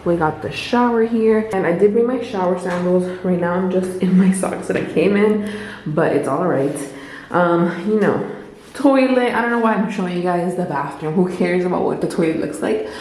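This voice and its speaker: A woman's voice: lowish voice, normal speed, darkish tone, husky, poor audio. Chatty young woman vlogging from hospital. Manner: chatty, upbeat, self-deprecating. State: tired, in labor. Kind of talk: casual vlog narration. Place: hospital room.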